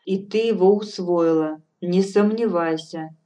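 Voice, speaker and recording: A woman's voice: on the low side, measured pace, dark tone, natural voice. Woman voicing a blunt old fortune-teller. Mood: cheerful. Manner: cool, matter-of-fact, firmly lecturing. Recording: distant from mic, faint music behind.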